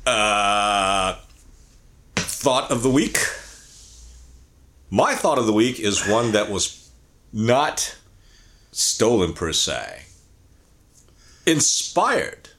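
A man co-hosting a podcast in casual chat, blunt and profane, rambling with many restarts, known to speak rapidly. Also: fairly low pitch, big pitch swings, a bit bright. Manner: speaks rapidly by his own account. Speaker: podcast co-host.

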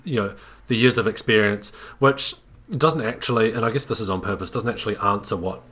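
A man's voice: fairly low pitch, brisk, a bit bright. A man in casual conversation, thoughtfully breaking down a film scene with frequent restarts. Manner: thoughtful, many restarts while building a point. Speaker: podcast co-host discussing a film.

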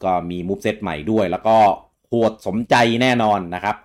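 Lively young man chatting about games. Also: moderate pace. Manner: animated, rising pitch when excited. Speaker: co-host of a gaming news show. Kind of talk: casual chat.

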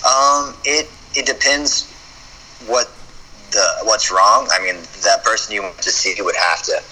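A man's voice: lowish voice, a little slow, bright, forceful tone, a little hiss or hum, rough recording. A man, a chiropractor guest on a podcast, talking casually and often stumbling over repeated words as he starts a thought.

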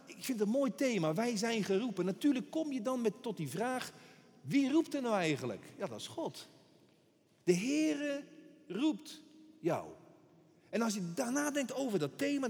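A man's voice: high-pitched, darkish tone, in a large hall. A man preaching a sermon with emphasis, repeating words for effect.

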